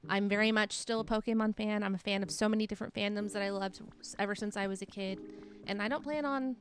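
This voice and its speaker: A woman's voice: mid-range voice, steady tone, fast talker, faint music behind. A woman in her late thirties, chatting casually on a live stream and encouraging her chat while reading their messages aloud. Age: 30s.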